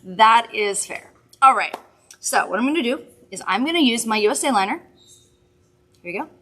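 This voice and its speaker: A woman's voice: fairly high pitch, animated, moderate pace, sharp tone. Woman host, casual makeup demo, chatty and giggly with rambling asides. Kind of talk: casual product demo chat.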